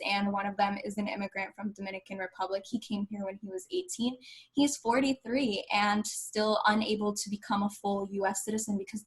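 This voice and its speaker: A young woman, a student, presents her argument to the class over a video call. She speaks earnestly and persuasively at a middle pitch. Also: rough recording. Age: young adult.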